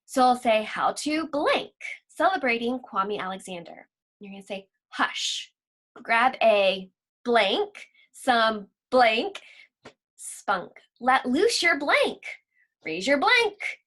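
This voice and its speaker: Like a school library teacher, a woman gives a children's lesson, explaining simply and reading aloud deliberately. Her voice is on the high side, a bit bright, with big pitch swings.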